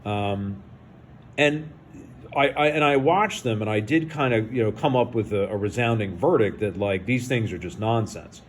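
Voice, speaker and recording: A man's voice: fairly low pitch, normal speed. An American man chatting casually and skeptically as he explains things, rambling and repeating himself for emphasis. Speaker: vlogger. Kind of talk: casual explanatory chat to camera. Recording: clearly audible background noise.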